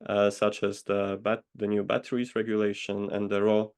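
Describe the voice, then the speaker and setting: A man from Poland, answering interview questions in a measured, hesitant way over a video call. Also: on the low side, completely flat delivery, darkish tone, clear, resonant tone. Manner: measured, hesitant with many pauses. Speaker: guest consultant.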